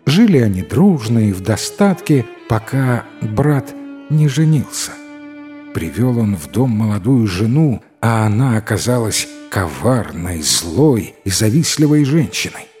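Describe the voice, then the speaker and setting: A man narrating a fairy tale in an expressive, dramatic storytelling manner. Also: on the low side, measured pace. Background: faint music.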